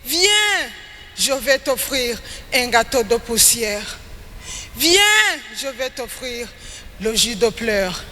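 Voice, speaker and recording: In an echoey large hall with background noise, a woman delivers dramatic spoken-word poetry on stage at a live event. Her voice is a little high and a bit bright, and she speaks slowly and emphatically in a declamatory style with rising and falling phrases.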